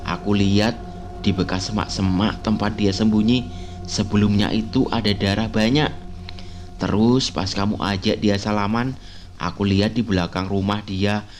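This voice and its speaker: A man's voice: on the low side, lightly acted. A man voicing a timid, frightened young child in a spoken horror story, talking hesitantly with a pleading edge over background music. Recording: music playing underneath.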